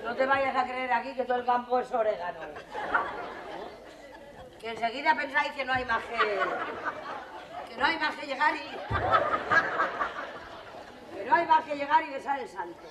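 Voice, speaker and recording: An actress playing a luckless jilted woman in a stage comedy, swinging from quick comic asides to tearful pleading, in a 1980s televised theater recording with audience laughter. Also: high-pitched, roomy sound, over a noisy crowd, very noisy, close to an everyday voice. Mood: wry. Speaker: lead actress in a stage revue.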